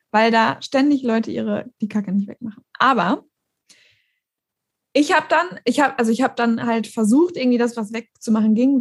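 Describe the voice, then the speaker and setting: A woman chatting casually, telling an animated story with frequent laughter. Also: on the high side, breathy edge. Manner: animated storytelling, laughs often, mimics others. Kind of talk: casual chat.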